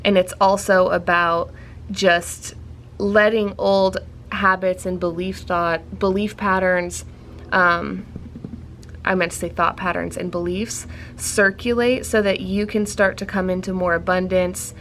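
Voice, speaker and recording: A woman's voice: fairly low pitch, flat delivery, a little slow, a bit bright. A woman speaking as a fortune teller, giving an unscripted tarot reading straight to the listener in a reassuring manner. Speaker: tarot card reader. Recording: clear background noise and ambience.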